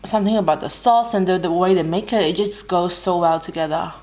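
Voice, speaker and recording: Lowish-voiced Australian woman chatting while eating. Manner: relaxed, unhurried, pausing to eat with soft hums. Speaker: mukbang vlogger. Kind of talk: casual chat while eating.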